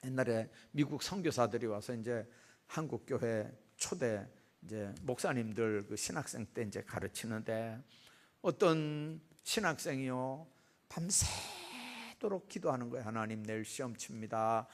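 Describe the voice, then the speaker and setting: A man's voice: medium pitch, expressive, a little slow. A male pastor preaching a midweek sermon in a church, telling stories with acted-out quotes and rising emphasis. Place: church sanctuary.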